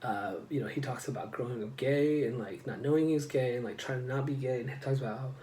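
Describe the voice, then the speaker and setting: A man talks casually to his audience in a personal vlog, his voice sitting at an ordinary middle pitch. He rambles, circling back with fillers and restarts as he goes. There is a faint noise in the background. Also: fast, mellow. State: getting emotional. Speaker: vlogger. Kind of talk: casual personal talk to camera.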